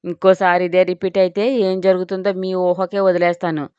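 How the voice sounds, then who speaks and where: A woman's voice: lowish voice, little pitch movement, moderate pace, smooth, dry recording, close to an everyday voice. A woman reading the lines of a fierce, snappy young woman in an audio story. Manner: snappy, scolding. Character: young woman, fierce, sharp-tongued sister. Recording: dull, dry.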